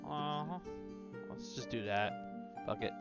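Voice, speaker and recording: A man streaming a game with a friend, reading the game's text aloud and thinking out loud, swearing often. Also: medium pitch, measured pace, dull audio, music in the background.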